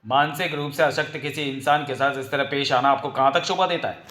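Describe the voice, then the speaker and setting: A man's voice: mid-range voice, a little fast, sharp tone, close to an everyday voice. A man voicing a principled young man who speaks in an earnest, moralizing way. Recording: roomy echo.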